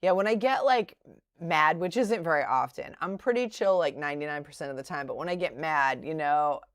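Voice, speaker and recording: This middle-aged day trader, who comes from the Boston area and has a light Boston accent, talks a little fast in a deep voice over studio-quality, echo-free audio. Hosting her live stream, she narrates her trades, restarting hesitantly and laughing in asides.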